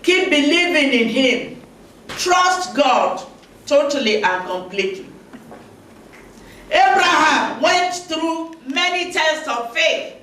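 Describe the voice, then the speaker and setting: A woman preaching a sermon, reading a hymn and scripture slowly and calling on the congregation for amens. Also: sits high, lively intonation, fairly bright tone. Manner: slow, deliberate, calls for amens. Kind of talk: sermon with congregation call-and-response. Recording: echoey room from far off, faint noise.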